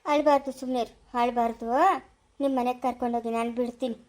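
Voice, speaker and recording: A woman's voice: on the high side, steady tone, quick pace, darkish tone, close to an everyday voice. A woman playing a lonely, widowed old grandmother who lives in a forest hut. She talks tenderly and coaxingly, soothing the same words over and over. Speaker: actor in family short drama. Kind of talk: amateur family drama acting.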